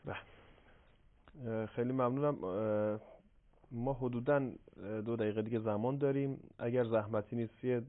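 A man hosting a live religious call-in program, reading out viewer questions in a measured way with frequent fillers. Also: mid-range voice. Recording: tinny phone-like broadcast audio.

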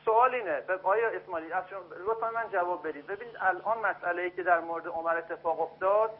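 A high-pitched, husky man on a narrow, tinny phone line, pushing his case hard and cutting in whenever he can. He sounds insistent and argumentative, talking over the others. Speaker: phone-in caller. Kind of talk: heated call-in debate. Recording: telephone line.

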